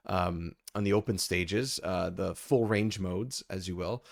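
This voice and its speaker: A man's voice: deep voice, a little slow, vocal fry, no room sound, clean studio sound. A man chatting casually on a gaming podcast, rambling with lots of ums and frequent laughter. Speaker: podcast panelist.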